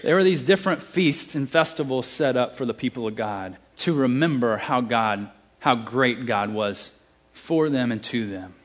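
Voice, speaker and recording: A man's voice: mid-range voice, normal speed. A man with a Southern US accent preaching a sermon, emphatic, with casual asides and restarts.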